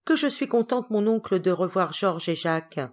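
A woman's voice: mid-range voice, expressive, moderate pace, natural voice. A woman voicing an eager, timid little girl who speaks in a pleading way in a storybook reading.

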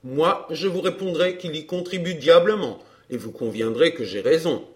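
A man reading a glib, self-assured gentleman in an audiobook dialogue, smooth and bantering. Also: fairly high pitch, moderate pace, close to an everyday voice.

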